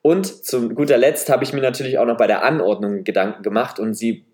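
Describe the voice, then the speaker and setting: Talking a little fast, a man in his twenties speaks in a mid-range, slightly mellow, nasal voice marked by a light Saxon accent. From Leipzig in eastern Germany, he hosts a semi-scripted solo podcast monologue full of chatty self-deprecation, captured by a podcast mic.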